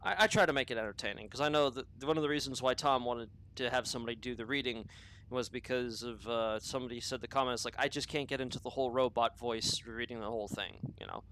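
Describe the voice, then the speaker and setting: A man talks at a quick pace in a mid-range, slightly bright voice on a rough recording with a little hiss or hum. He's hosting an unscripted opinion podcast, a rambling, profane monologue full of self-interruptions, restarts and tangents.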